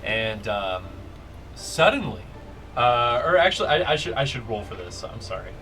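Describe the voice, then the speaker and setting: A man runs a tabletop game with casual, improvised narration. His voice is bright and highly animated, rising and falling freely. There is faint noise in the background. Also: moderate pace. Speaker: game master.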